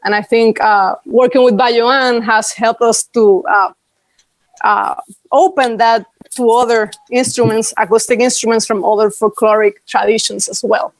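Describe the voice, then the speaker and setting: Measured woman, higher voice. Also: steady tone, dry recording. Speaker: band member. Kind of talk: casual Q&A answer.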